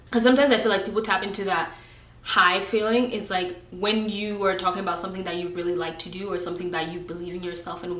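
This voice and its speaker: A young woman vlogger with a mid-range, sharp-toned voice delivers a candid, emphatic rant to camera about friendships in an echoey room. She gets a bit preachy at times and occasionally breaks into laughter.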